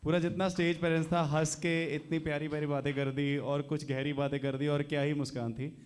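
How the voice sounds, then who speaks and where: A man's voice: on the high side, little pitch movement, a little fast, smooth. A man hosting an open mic, teasing the audience and introducing comedians with playful banter. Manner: teasing, playful crowd work. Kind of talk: emcee banter between acts. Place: small open mic venue.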